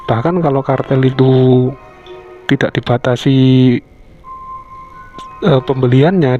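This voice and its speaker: A man hosts a casual commentary video in a bassy voice. He talks informally and a bit crudely, straight to his viewers. The sound is dull and lo-fi, with music playing behind him. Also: darkish tone. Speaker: YouTube host. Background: prominent background music.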